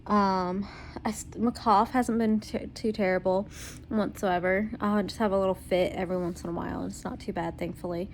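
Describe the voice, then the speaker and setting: Sick at home, a young vlogger records a casual video diary, rambling with plenty of ums and little laughs. Her medium-pitched voice sounds tired and congested, with fairly even intonation at normal speed, and there is slight background noise.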